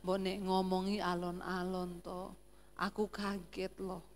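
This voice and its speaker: A woman voicing her mild, easily startled Javanese husband, with a Javanese accent and gentle, slow pleading. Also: on the low side, level tone, slight background noise, voice pushed down. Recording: echoey church hall with faint music.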